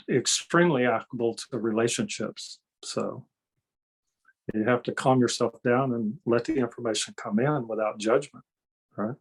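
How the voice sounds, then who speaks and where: In a low-quality recording, an older interview guest who is both an energy healer and a kung fu master talks in a medium-pitched, mid-range voice. His folksy explanations wander into anecdotes, and he frequently tacks on small checks that he's being followed.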